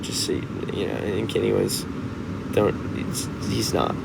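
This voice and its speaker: A man's voice: lowish voice, a little slow, vocal fry, heavy background noise. A man in his twenties, a musician chatting casually on a livestream, reading out comments and rambling with frequent restarts. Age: 20s.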